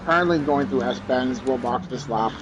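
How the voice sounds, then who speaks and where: A man's voice: medium pitch, moderate pace. A man giving clipped, matter-of-fact team radio calls as a sim racing driver, heard over a muffled radio transmission. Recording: dull lo-fi audio over loud car engine noise. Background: racing car engine.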